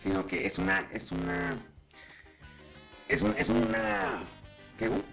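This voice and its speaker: Man, Mexican Spanish accent, low gravelly voice, swooping pitch, faint music. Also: sing-song, measured pace, fairly bright tone. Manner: rambling, laughing, slangy. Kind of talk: casual chat.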